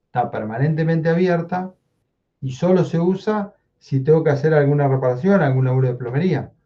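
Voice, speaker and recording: A university lecturer with a mid-range voice gives a technical talk, explaining things and checking in often with "¿sí?". The audio quality is lo-fi.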